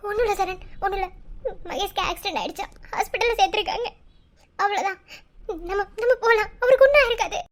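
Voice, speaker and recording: A performer voicing a caring young village woman in a cartoon, who soothes her upset friend quickly. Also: very high-pitched. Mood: reassuring.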